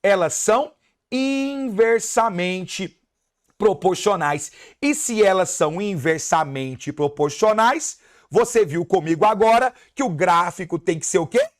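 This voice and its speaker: Brazilian teacher, animated exam-prep lesson, very expressive pitch. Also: normal speed. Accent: Brazilian Portuguese. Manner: animated, talks to students as "pessoal" and "moleque", hypes the answer. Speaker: math teacher. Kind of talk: energetic exam-review lesson.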